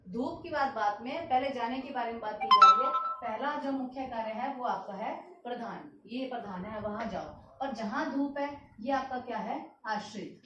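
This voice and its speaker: A woman's voice: on the high side, normal speed, hardly any pauses, muffled recording, heavy background noise. A woman teaching a grammar lesson, explaining step by step, repeating examples and answering her own questions. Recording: echoey room, distant mic.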